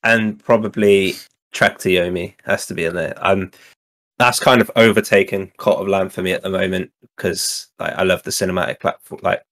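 Casual podcast co-host, man, slightly low voice, loose rambling delivery. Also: fairly even intonation, normal speed, fairly bright tone. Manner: rambling, lots of fillers and laughs. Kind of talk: casual chat.

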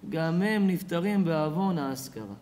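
A man giving a sermon as a rabbi, telling stories dramatically and swinging from loud cries to hushed, near-whispered lines. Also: a little high, a little hiss or hum.

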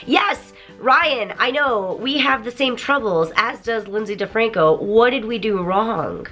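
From a home bedroom studio lined with toy-filled shelves, a woman in her thirties chats to her viewers in a casual vlog, unhurried and fairly high-pitched. A recent sore throat has left her croaky, yet she stays bright, forceful, lively and apologetic. Faint, soft music sits beneath her voice.

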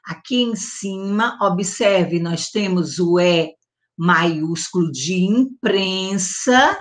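A woman teacher giving a gentle vowel lesson to young children, drawing out each sound and often checking in with the class. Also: fairly high pitch. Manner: slow, drawn-out enunciation with diminutives and check-ins; stresses and stretches the vowel sounds loudly. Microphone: close mic, online class recording.

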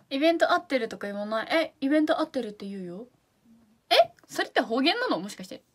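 Young fukuoka girl chatting on her stream, hakata accent, high bright voice, bubbly with soft little asides. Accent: Hakata dialect. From Fukuoka, Japan. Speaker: idol livestream host. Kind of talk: casual livestream chat reading comments.

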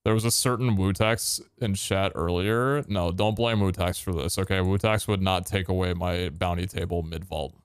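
A man chatting casually while playing a game with friends, excitable, his voice leaping high when something goes well. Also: normal speed, few pauses, smooth, no room sound. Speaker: gaming creator. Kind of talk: casual gaming chat.

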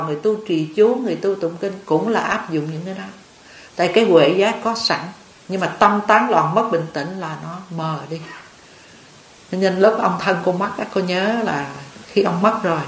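Older nun, roomy hall. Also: female voice, on the low side. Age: over 60. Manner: chatty storytelling, often checks that listeners understand. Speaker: Buddhist nun giving a dharma talk. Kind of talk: homely dharma talk. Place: monastery hall. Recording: roomy hall with faint ambience.

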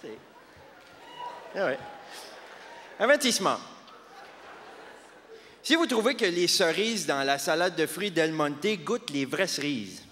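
A man doing stand-up comedy with a Québécois French accent, delivering punchy deadpan one-liners. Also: on the high side, takes it slowly, long pauses, slight background noise. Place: large theatre stage. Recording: long hall reverb, loud audience.

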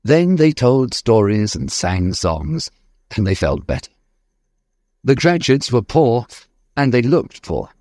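Expressive male storybook narrator. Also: medium pitch, slow, no room sound, studio quality. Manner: clear, expressive reading. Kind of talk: graded reader narration.

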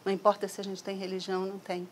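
A middle-aged woman from Brazil speaks to a seated audience through a stand microphone, her voice sitting at an ordinary middle pitch. She talks in a chatty, reflective way and keeps checking in with her listeners. A faint hiss of room noise sits under the hall recording. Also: monotone, rapid-fire. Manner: conversational, reflective, frequent "né?" tags. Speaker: speaker giving a talk. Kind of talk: lecture to an audience.

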